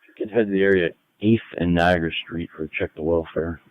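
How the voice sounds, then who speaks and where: A man working as a police dispatcher, giving measured, clipped procedural calls over two-way radio. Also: sits low, steady tone, no echo. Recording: dull, lo-fi scanner feed.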